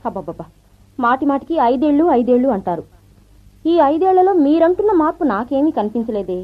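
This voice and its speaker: A self-assured career wife in an old radio show, brisk and teasing in a slightly high voice. The sound is thin and narrow, like a vintage radio broadcast heard through a small speaker. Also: female voice, very animated. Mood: defensive. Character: confident career wife, a rising officer. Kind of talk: 1970s radio drama acting.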